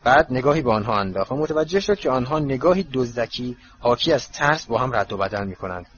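A man narrating an audiobook in an even, measured reading, in a slightly muffled recording with faint hiss. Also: medium pitch. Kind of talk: scripted narration.

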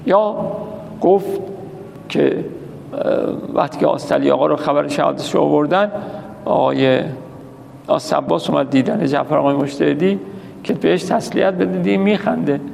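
Here the lecturer's voice is a little high, creaky and dark in tone as he relates stories for a religious talk. Quoted dialogue gets acted out, and he asks questions only to answer them himself; the hall is reverberant, with faint noise behind him.

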